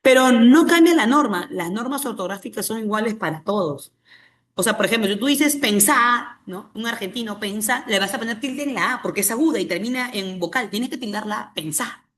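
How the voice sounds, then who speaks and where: A woman's voice: on the high side, lively intonation, fairly quick. Peruvian woman teaching an exam-prep class. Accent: Peruvian Spanish. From Peru. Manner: questions the class and answers herself, often adding a tag question. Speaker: language teacher.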